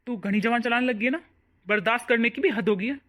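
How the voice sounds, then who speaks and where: A young husband and devoted son from a cartoon, voiced by an actor. His mid-range voice turns loud and scolding when he argues. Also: medium pitch, fast talker, natural voice. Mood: angry. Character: young husband, protective son, hot-tempered. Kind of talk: cartoon voice acting.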